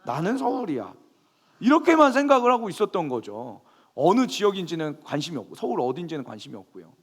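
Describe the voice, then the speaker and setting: A man pastor preaching a sermon, telling a story with lively bursts of raised emphasis. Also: high-pitched, fast talker.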